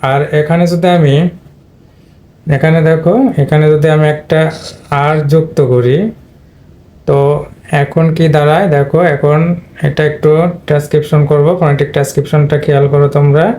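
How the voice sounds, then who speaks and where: This warm, somewhat high male voice stays level and moves at a normal speed, pausing often. He's from Bangladesh, walking his students through English spelling and pronunciation step by step in a lesson given in Bengali.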